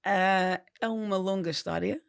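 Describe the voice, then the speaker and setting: Brief: Portuguese woman co-host, mid pitch, laughs and pushes back, dry close mic. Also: fairly even intonation, normal speed, creaky, smooth, no room sound. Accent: European Portuguese. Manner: laughing, bantering and contradicting. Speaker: podcast co-host. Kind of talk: casual chat.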